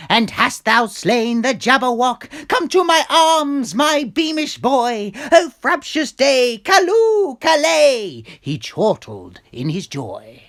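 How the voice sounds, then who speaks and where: A whimsical, excitable storybook hatter, performing for children in a theatrical way. The pitch sits fairly high and swoops wildly, and the delivery takes its time with exclamations and direct asides to the listeners. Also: female voice, takes it slowly, few pauses, full character voice. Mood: dramatic, hushed. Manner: whimsical, exclamatory, giggles at own jokes, chatty with audience. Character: zany, giggling, excitable Mad Hatter telling silly jokes. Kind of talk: theatrical children's character monologue and poem recital.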